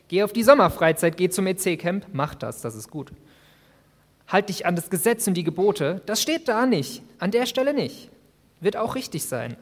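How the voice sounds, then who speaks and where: A youth preacher giving a sermon, retelling a story dramatically in the first person. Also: mid-range voice. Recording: long hall reverb.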